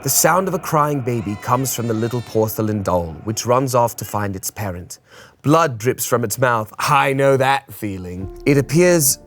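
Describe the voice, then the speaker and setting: A man's voice: mid-range voice, moderate pace, faint music behind. A man hosting a board game, reading out the rules and story cards to the players in a theatrical way. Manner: theatrical, lively rule-reading.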